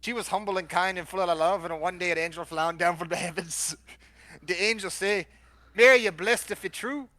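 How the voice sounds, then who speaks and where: A man's voice: high voice, a little fast, sharp tone. A man putting on a Jamaican accent to read a story aloud as a comic storyteller, with a slight lisp. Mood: playful. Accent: put-on Jamaican.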